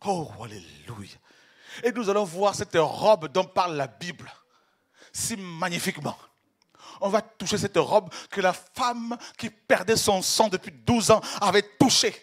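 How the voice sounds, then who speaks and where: A man with a high-pitched voice preaches an ecstatic sermon at a measured pace. He swings from hushed murmurs to shouted cries, repeating and stumbling over words in his fervor.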